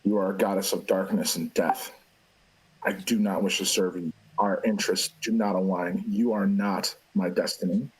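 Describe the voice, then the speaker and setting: A man playing a defiant mortal who refuses a dark goddess, speaking in a firm, formal, measured way. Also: low voice, steady tone, husky, rough recording.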